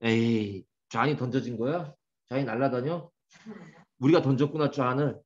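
A man's voice: medium pitch, normal speed, husky, dull audio. A man teaching an English grammar class, quizzing and teasing his students by name as he goes.

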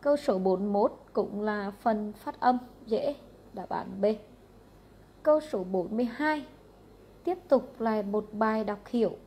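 A woman with a Vietnamese accent, an English teacher going briskly through exam answers question by question, matter-of-fact and repetitive. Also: medium pitch, warm tone, a little hiss or hum.

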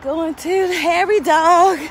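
A woman's voice: extremely high pitch, fairly even intonation, takes it slowly, a little hiss or hum. A woman pastor talking casually while walking her dog, praying and chatting to viewers. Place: outdoors on a street, then inside a pet shop.

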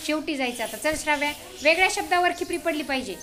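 A woman teacher running a reading game with young pupils, giving brisk directions and frequent praise. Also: high-pitched, lively intonation, over music. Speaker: primary school teacher. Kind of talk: classroom reading game instruction. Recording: noisy outdoor recording.

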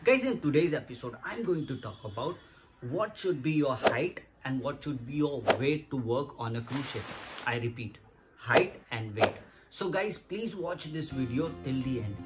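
A man talks straight to camera in an earnest, repetitive way, urging his viewers along. Music plays clearly underneath him in a small indoor room. His pitch sits in a middling range. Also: expressive, normal speed. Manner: earnest, repeats points, direct appeals to viewers. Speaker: vlogger. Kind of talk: casual explainer talking to camera. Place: small indoor room against a plain wall.

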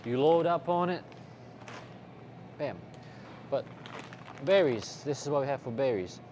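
Playful male vlogger, mid-pitched, cheerful banter while shopping, noisy supermarket. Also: animated, a little slow, darkish tone. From Bosnia. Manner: playful, jokey, talks to camera. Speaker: fitness vlogger. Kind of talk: casual vlog chat. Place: supermarket aisles. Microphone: handheld camera, filmed by cameraman. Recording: noisy store with background ambience. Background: shop ambience.

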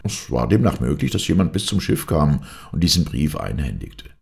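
A man's voice: very deep voice, very animated, moderate pace, vocal fry, heavily acted. A man voicing a stubborn, proud male ship commander in an audiobook, speaking emphatically and insistently.

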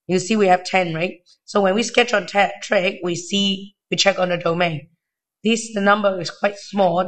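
Thin, weak, high-pitched male maths tutor. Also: a bit bright. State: unwell, weakened voice. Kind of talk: informal step-by-step tutorial narration. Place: indoors at a desk.

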